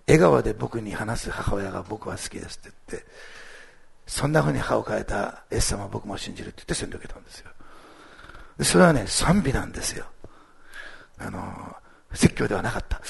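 Gravelly fast-talking man preaching. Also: medium pitch. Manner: chatty, with frequent "ne" tags to the congregation. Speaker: pastor. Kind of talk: sermon with a personal testimony story. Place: church service streamed online.

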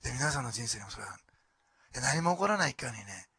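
A male pastor with an Osaka accent, preaching a sermon and asking the congregation rhetorical questions. He swings from hushed whispers to loud exclamations. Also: mid-range voice, big pitch swings, fast, husky, dry recording.

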